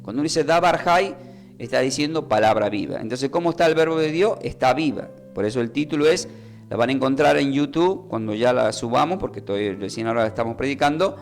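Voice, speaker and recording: A man's voice: medium pitch, animated, faint music behind. Man teaching a radio Bible lesson. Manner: teacherly, asks and answers own questions; repeats words slowly when explaining. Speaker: preacher.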